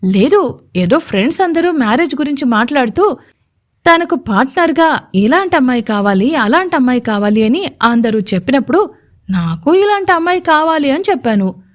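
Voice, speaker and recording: A woman's voice: high voice, big pitch swings, moderate pace. A woman voicing a young male CEO in a romantic audio story, playful and teasing in manner. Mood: explaining.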